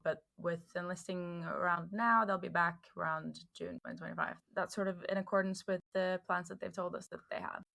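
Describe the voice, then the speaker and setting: A woman in her thirties hosting a podcast in casual chat, thinking aloud with relaxed fillers. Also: lowish voice, a little fast, vocal fry, hardly any pauses. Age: 30s. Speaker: podcast host.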